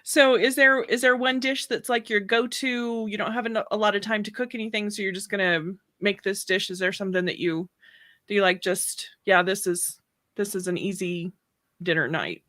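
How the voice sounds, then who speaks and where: A woman hosting a casual cooking interview, chatty and quick to laugh as she asks questions. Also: medium pitch, steady tone, pushed and bright, no echo, studio quality. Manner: giggly, chatty, upbeat. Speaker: host of a cooking channel.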